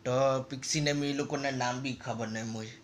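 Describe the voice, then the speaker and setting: A man's voice: mid-range voice, fairly even intonation, fairly quick, slight background noise. A man casually narrating a story over a game, in loose, rambling and repetitive phrases. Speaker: gaming channel narrator.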